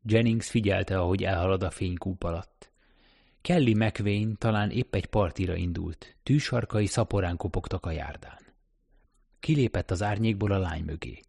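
A man narrating an audiobook, reading in an even, steady manner. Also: deep voice, gravelly, dry recording, clean studio sound. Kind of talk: scripted narration.

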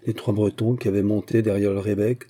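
Dark, husky-voiced male narrator. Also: on the low side. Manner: measured, even storytelling. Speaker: audiobook narrator. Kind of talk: scripted narration of a classic novel.

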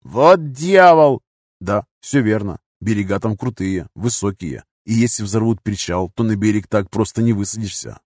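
A man with a low voice narrates a first-person action story in a tense, punchy way. He reads short, sharp sentences and gives the dialogue real force. The recording is dry and close, with no room sound. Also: steady tone, moderate pace, hardly any pauses, no echo. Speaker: audiobook narrator.

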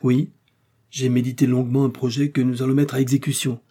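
A man's voice: mid-range voice, flat delivery, brisk, mellow, slightly rough, close to an everyday voice. A man reading an audiobook, voicing a resolute male explorer and scientist with a commanding, urgent manner.

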